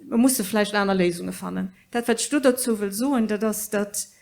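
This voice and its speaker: A woman's voice: medium pitch, normal speed, vocal fry, darkish tone. Middle-aged woman politician on a panel, earnest, lots of ums while she hunts for words. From Luxembourg. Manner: earnest, searching for words with frequent fillers. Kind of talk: panel debate.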